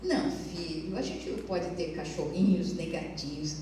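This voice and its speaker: A woman's voice: low voice, normal speed, dark tone, slight background noise, lightly acted. A woman voicing a worried mother who coaxes her son anxiously, recorded with a far mic in an echoey hall. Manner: anxious, coaxing. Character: worried middle-aged mother.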